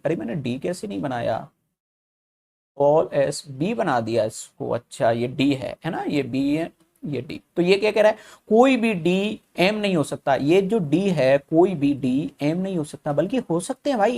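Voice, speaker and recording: A male teacher with a Hindi accent giving a whiteboard lesson, explaining step by step and calling viewers brother, reading English statements slowly. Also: fairly high pitch, gravelly, a little mellow.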